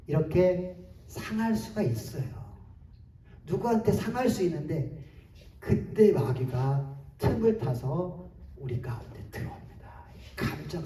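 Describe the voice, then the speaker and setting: A male pastor preaching a sermon in a church sanctuary, with lively rhetorical questions and frequent chuckles. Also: high-pitched. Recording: echoey hall, distant mic, faint hiss.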